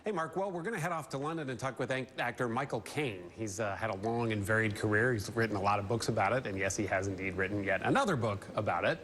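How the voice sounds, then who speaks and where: A man, a network TV correspondent, previewing stories in a brisk, enthusiastic way. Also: lowish voice, a bit bright, slight background noise. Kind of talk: remote interview segment.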